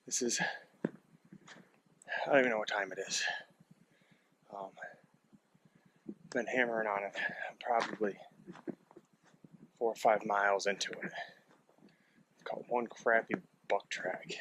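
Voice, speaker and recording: A man out of breath in snowy woods, giving casual hunting vlog commentary in a hushed voice, often whispering as he stalks. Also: on the low side, fairly even intonation, a little slow, long pauses. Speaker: deer hunter tracking in snow. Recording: noisy outdoor recording with clicks.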